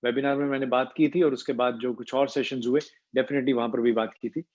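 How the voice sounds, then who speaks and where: A man's voice: medium pitch, steady tone, a little fast, darkish tone. A man teaching an online voice class as coach. He explains each point and mixes English terms into his talk. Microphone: video call. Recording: dull lo-fi call audio.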